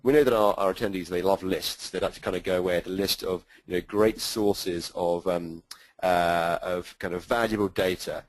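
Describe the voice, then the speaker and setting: A man's voice: deep voice, steady tone, moderate pace, dry recording, poor audio. A man with a British accent moderating a webinar panel, talking with many hesitations and fillers.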